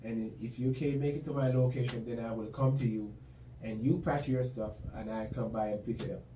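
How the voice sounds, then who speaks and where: A Jamaican business owner, appearing as an interview guest, chats casually in a medium-pitched male voice that moves a little quickly with fairly even intonation. He's talkative and loose, dropping in plenty of fillers. The room is echoey, the mic sits at a distance, and there's faint background noise.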